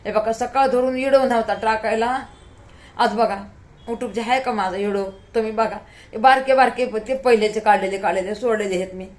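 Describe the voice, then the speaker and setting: A woman's voice: on the high side, steady tone, normal speed. A woman vlogger talking to her viewers in a tired, pleading, heartfelt way, often repeating herself. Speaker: YouTuber. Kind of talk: emotional talk to camera.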